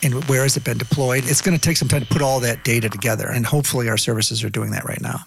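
A man's voice: medium pitch, steady tone, fast talker, gravelly. A man giving plain-spoken interview commentary as an expert, with a rhetorical turn. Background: music.

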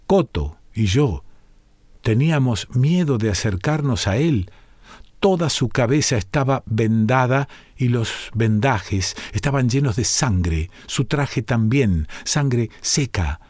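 Slow, solemn male story reader. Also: medium pitch, darkish tone, no echo, studio quality. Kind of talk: storybook reading.

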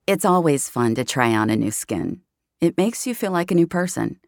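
An actor narrates a first-person scripted audio drama as Jamie, an introspective young regular of a VR social space, in an intimate, confiding, reflective way. The voice is mid-range, animated and gravelly, a little mellow, at normal speed, with studio-quality sound and no room sound.

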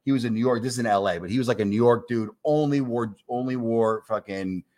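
This talk show guest, a man in his forties, talks fast at a medium pitch while spinning a long, casual story. Swearing freely, he plays both parts of the dialogue with lots of animation.

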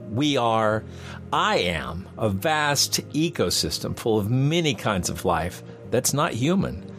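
A man hosting a science podcast in a bright, curious manner, delivering scripted narration articulately. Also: medium pitch. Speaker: podcast host. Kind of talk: scripted narration and show introduction.

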